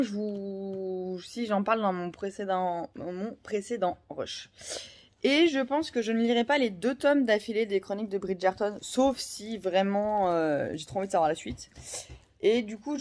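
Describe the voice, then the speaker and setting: A woman in her thirties talks casually to her viewers in a vlog. She rambles, loops back on herself and fills pauses with hesitations, her voice sitting at a medium pitch. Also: darkish tone. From France. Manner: rambling, many fillers and restarts. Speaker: vlogger.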